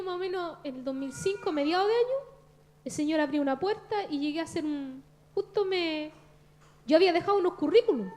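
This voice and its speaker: A woman's voice: sits high, a little mellow, slight background noise. A Chilean woman in her thirties giving an earnest, confessional testimony at a church service, often addressing listeners as brother.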